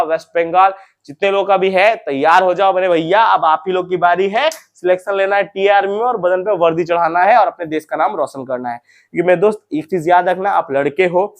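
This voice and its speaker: A young man hosting an informal advice talk, chatty, repeating points and calling viewers friends and brothers. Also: high-pitched. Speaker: recruitment info channel host.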